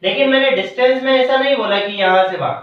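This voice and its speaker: A male teacher with a high voice walks through a lesson step by step, asking questions and answering them himself. He sounds far from the mic in a very echoey room. The sound is dull and lo-fi. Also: quick pace. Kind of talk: classroom math lesson.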